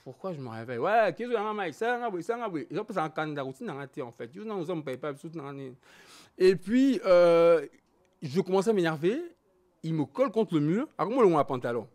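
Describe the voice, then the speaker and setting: Animated Congolese-raised man, lively voice. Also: high-pitched, a little fast. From born in Belgium, raised in Congo. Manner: animated, emphatic, switching between French and Lingala. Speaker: interview guest. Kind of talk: candid personal interview.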